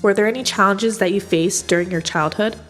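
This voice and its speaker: Calm woman narrating a family history. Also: medium pitch, fairly quick, soft background music. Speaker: interviewer and narrator, granddaughter. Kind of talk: scripted narration and interview questions.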